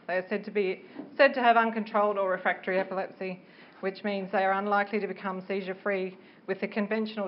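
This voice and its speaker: A middle-aged woman giving a prepared public speech as a parent campaigner, speaking earnestly and carefully like a reluctant speaker. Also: medium pitch. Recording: dull, noisy live speech recording.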